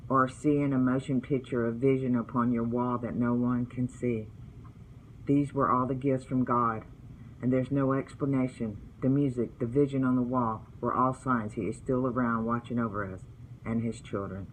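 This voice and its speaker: A man's voice: medium pitch, fairly even intonation, moderate pace, a little hiss or hum, poor audio. A man telling family stories in a vlog, partly reading from his book, in an earnest and heartfelt way. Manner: earnest, heartfelt, religious storytelling. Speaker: vlogger.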